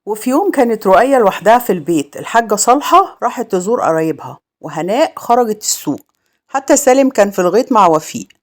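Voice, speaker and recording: A woman with an Egyptian accent narrating a dramatic village crime story in a steady, grave manner. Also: medium pitch, fast talker.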